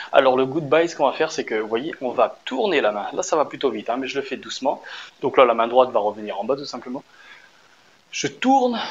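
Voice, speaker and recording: A man teaching a dance routine in a casual tutorial, encouraging his learners, checking in often with short questions and sounding out the beats as he demonstrates. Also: medium pitch. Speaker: dance instructor. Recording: slightly dull recording with faint room noise.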